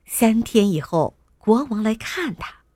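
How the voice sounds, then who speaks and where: A woman telling a bedtime story to small children in a gentle, sing-song way, at times dropping to a whisper. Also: on the high side, expressive, measured pace, no echo, clean studio sound.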